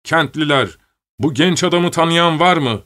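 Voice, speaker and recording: A man voicing a brazen middle-aged shoemaker who shouts accusing questions. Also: fairly high pitch, moderate pace, voice pushed up, close to an everyday voice.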